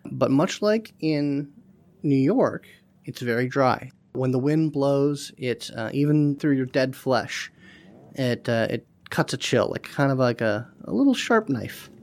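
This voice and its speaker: A man's voice: medium pitch, expressive, measured pace, darkish tone. A man running a tabletop role-playing game as game master, narrating the scene in a loose, casual way.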